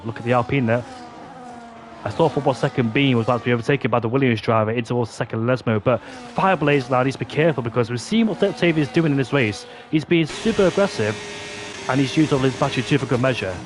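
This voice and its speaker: A man giving excitable motorsport commentary on an online sim race, play-by-play, exclaiming at the action on track. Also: mid-range voice, fast talker. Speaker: esports racing commentator.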